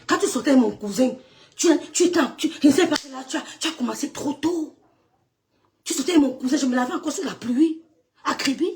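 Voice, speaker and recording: A woman from Cameroon delivering a heated, defiant monologue aimed at her critics, trading insults and switching between mocking laughter and shouting. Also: high-pitched, gravelly. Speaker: online content creator.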